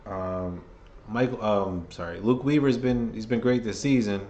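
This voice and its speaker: Man, hoarse, casual fan play-by-play host, rambling and opinionated. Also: fairly low pitch, measured pace, a little mellow, dull audio, a little hiss or hum. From New York. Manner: rambling, opinionated, restarts phrases often. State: hoarse, losing his voice.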